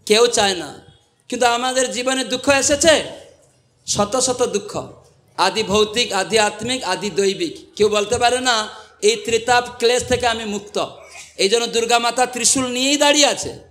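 A monk preaching a devotional sermon to a live audience, asking it rhetorical questions and quoting scripture. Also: male voice, very high voice, normal speed, fairly bright tone.

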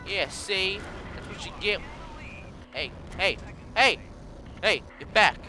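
A young man commenting on his own racing game play, swearing and shouting at his opponents, his voice worn from yelling. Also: high voice, animated, slow pace, background noise. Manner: frustrated, swears and yells at opponents. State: voice strained. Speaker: let's play gamer. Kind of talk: gameplay commentary.

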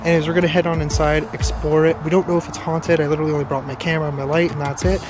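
A man hosting an exploring vlog, walking through an abandoned farmhouse and reacting with excited, wondering remarks into his camera mic. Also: fairly high pitch, racing, background noise. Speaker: urban explorer host. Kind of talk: walkthrough vlog narration. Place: abandoned stone farmhouse, indoors.

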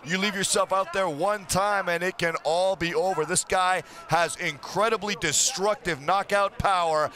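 A man's voice: high-pitched, moderate pace, hardly any pauses, pushed and bright. A man calling televised fight play-by-play in an emphatic, polished, dramatic way. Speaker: play-by-play commentator.

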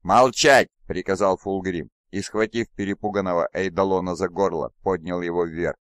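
A man reading an audiobook in steady, dramatic scripted narration. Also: sits low, a little fast, clear, resonant tone, dry recording, studio quality.

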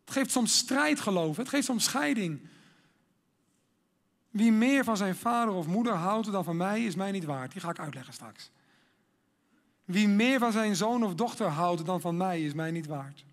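A man giving a sermon, earnest and emphatic, building up to loud exhortation. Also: high-pitched, lively intonation, moderate pace.

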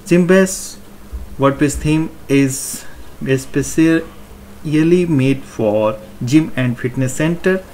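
A man's voice: medium pitch, darkish tone, slight background noise. Man explaining a website theme setup. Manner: explanatory, step-by-step, repetitive phrasing. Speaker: WordPress tutorial presenter. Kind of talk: screen-recorded tutorial walkthrough.

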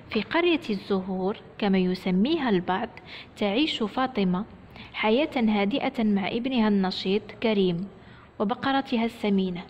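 A woman storyteller telling a tale to children, addressing them directly and warmly as she narrates. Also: medium pitch. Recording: dull echoey recording, faint noise.

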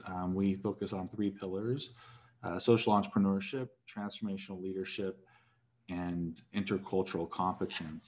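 A man moderating a recorded online panel, measured and with frequent fillers, over a video call. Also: low voice. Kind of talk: webinar moderation.

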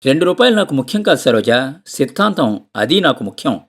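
A man's voice: a little high, sing-song, fairly quick, a bit bright, heavily acted. A man voicing a stern, practical middle-aged husband who lectures and insists in a storybook reading. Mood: insistent. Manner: insistent, scolding.

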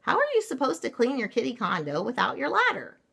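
A woman's voice: on the high side, wildly swooping pitch, a little fast, gravelly, pushed and bright, breathy edge, voice pushed up, heavily acted. A woman voicing a bossy mother cat from a storybook, scolding in an emphatic, dramatic manner.

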